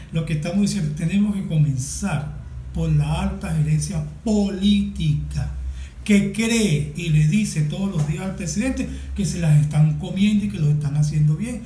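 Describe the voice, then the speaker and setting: This guest, a Venezuelan man in his sixties and an environmental activist, delivers an impassioned panel speech. His voice is soft and high yet dark in tone, and he leans on deliberate, emphatic repetition. The recording has an echoey room and faint background noise.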